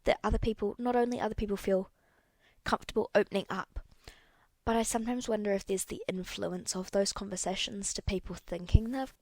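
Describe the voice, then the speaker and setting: A woman's voice: medium pitch, fairly even intonation, brisk, a little mellow, no room sound. A young woman hosting a solo podcast, talking candidly and rambling a little, correcting herself as she goes. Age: young adult. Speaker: podcast host. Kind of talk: casual solo podcast talk.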